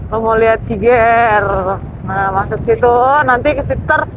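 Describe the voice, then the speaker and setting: High-voiced girl vlogging at a port, chatty, muffled camera sound, light noise behind. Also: normal speed. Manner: chatty, hesitant, trails off with fillers. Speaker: travel vlogger. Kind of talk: casual vlog narration. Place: outdoors at a ferry port. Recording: muffled outdoor audio with faint noise.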